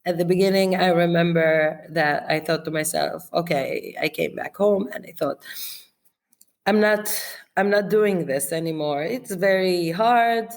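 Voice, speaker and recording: In a relaxed conversational interview, a female guest from Israel, a native Arabic speaker, talks slowly and thoughtfully. Her voice is lower in pitch and she laughs easily and often, with plenty of fillers and restarts as she reflects.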